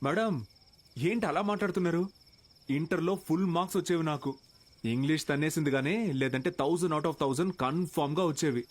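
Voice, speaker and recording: A man's voice: fairly high pitch, fast, natural voice. An actor playing a young male college lecturer, playful and determined, dropping English phrases into his speech. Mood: confident. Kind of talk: Telugu film drama dialogue. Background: film score.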